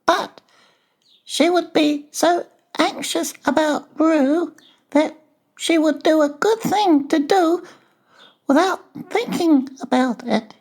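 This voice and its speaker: A man voicing a small, timid, anxious piglet in a children's storybook, fretful and forlorn, with a halting delivery. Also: extremely high pitch, voice pushed up. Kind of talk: dramatized children's audiobook character voice.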